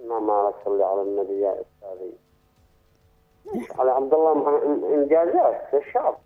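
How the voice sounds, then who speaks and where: A man in his late twenties with a Yemeni Arabic accent who calls in to a radio show, talks excitably and keeps missing what the host says. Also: mid-range voice, fairly quick. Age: 20s. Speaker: caller. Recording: tinny phone line with faint music.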